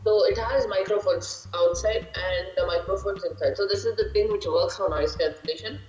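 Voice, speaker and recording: A man's voice: sits high, normal speed. A man walks through features over a remote internet call, and his voice arrives with fuzzy distortion. The line is muffled and echoey, and he halts often on fillers and restarts. Faint music sits underneath. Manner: hesitant, many fillers and restarts. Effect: distorted, glitchy online call audio. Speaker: co-presenter reviewing headphones. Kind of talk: casual product walkthrough.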